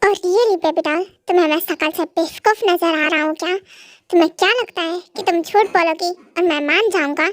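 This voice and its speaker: A woman's voice: very high-pitched, normal speed. A woman voicing a possessive, menacing young mafia husband in an amateur fan dub, talking in cold, mocking threats and commands.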